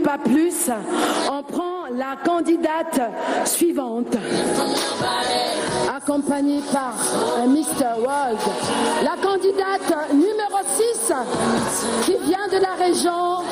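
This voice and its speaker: A woman presenting a beauty pageant live, calling out candidates' names and numbers. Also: sits high. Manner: slow, announcing, calls out names. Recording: echoey hall with loud music.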